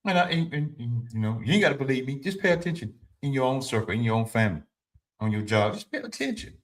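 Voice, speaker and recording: A male livestream host in his fifties talks fast in a mid-range, sing-song voice. He gives his viewers informal, preachy motivational advice, going over his points again and answering the chat.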